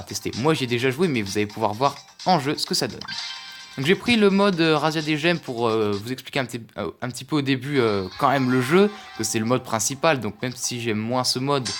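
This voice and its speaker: With game music running in the background, this man plays a mobile game and chats about it as a gaming YouTuber, hesitating often with fillers and restarts. He has a mid-range, slightly bright voice with lively intonation and a somewhat fast pace.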